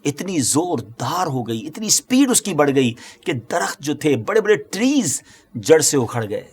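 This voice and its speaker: A man's voice: a little high, very animated, slightly rough. Dramatic middle-aged male religious storyteller. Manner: mixes English words into Urdu, rhetorical questions to viewers.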